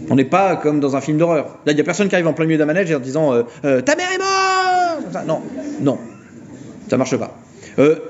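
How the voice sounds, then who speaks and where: Man lecturing with lively mockery. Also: a little high, dull audio. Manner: animated, mocking storytelling with acted-out voices. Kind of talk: informal philosophy lecture.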